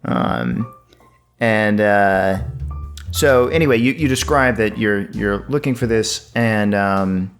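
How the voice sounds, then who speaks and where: A man running a tabletop game as game master, improvising narration in a hesitant, halting way. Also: fairly low pitch. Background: soft guitar music.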